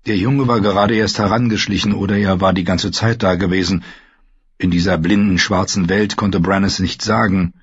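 A man narrating a fantasy audiobook with a husky voice, reading in a measured, grave manner. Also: low voice, fairly even intonation, no room sound. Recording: dull lo-fi dry recording.

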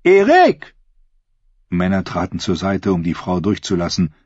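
Deep husky male audiobook narrator. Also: flat delivery, a little mellow, no room sound, dull audio. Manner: measured, dramatic reading. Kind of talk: scripted fantasy narration.

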